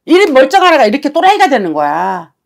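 A woman's voice: high-pitched, huge pitch swings, fast, gravelly. A woman shaman giving a fortune-telling session, talking bluntly and scolding with coarse words.

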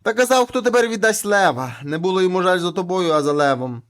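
A man's voice: sits high, lively intonation, fast, a bit bright. Storybook: sensible peasant wife, man reads her, plain folk speech. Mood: reasoning.

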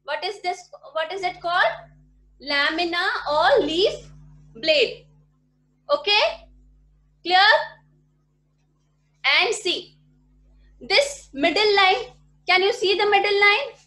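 A very high-pitched, bright and forceful voice, slow and often pausing, belongs to an Indian primary school teacher. She teaches online from a small room at home, patiently re-asking questions to see whether her pupils follow. The recording, from a laptop webcam mic at her desk, has the echoey room sound of a video call.

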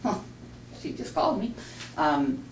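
A woman's voice: mid-range voice, big pitch swings, unhurried. A woman in her fifties from Montana, a patient asking questions in a chatty manner and laughing easily. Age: 50s. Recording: roomy, distant, noisy room sound.

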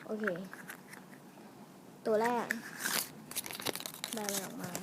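A woman's voice: very slow, noisy background. A woman chatting casually to viewers as she unboxes and reviews toys at home, musing aloud and trailing off. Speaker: vlogger reviewing toys and snacks. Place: room at home.

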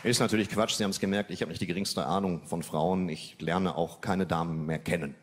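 A man in his forties telling stand-up comedy stories in a dry, deadpan manner. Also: low-pitched, brisk, some chatter behind, slight background noise. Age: 40s.

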